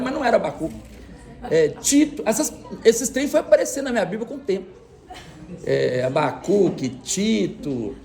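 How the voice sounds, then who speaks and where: A man's voice: sits high, darkish tone. A male pastor, preaching a sermon in a joking, chatty way and teasing the congregation. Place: church service.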